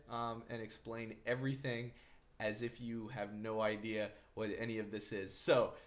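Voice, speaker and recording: Guy doing a casual tech walkthrough, mid-pitch, lots of ums and uhs, kinda rambly but reassuring. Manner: reassuring, careful about disclaimers. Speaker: tech tutorial presenter. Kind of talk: casual screen-recorded tutorial narration.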